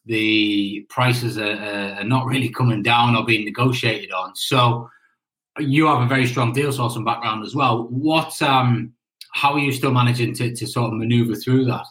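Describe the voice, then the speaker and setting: A man hosting a casual interview, relaxed, often repeating words as he thinks. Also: mid-range voice, normal speed, poor audio. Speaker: interview host.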